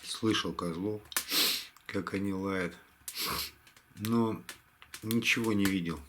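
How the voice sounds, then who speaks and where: A tired man talking casually to camera in a halting, resigned way, like a hunting vlogger winding down his day. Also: low-pitched, noisy background. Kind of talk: casual vlog monologue to camera.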